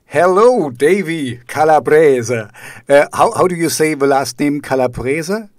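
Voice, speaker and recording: Non-native male host, halting, repeats words, dry close sound, mid pitch. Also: dry recording. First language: not English. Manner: hesitant, stumbles and repeats words. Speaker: podcast host. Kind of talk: casual interview questions.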